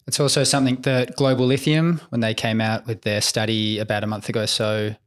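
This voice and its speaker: A man's voice: on the low side, level tone, fairly quick. A man chatting casually as a podcast co-host. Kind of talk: casual chat.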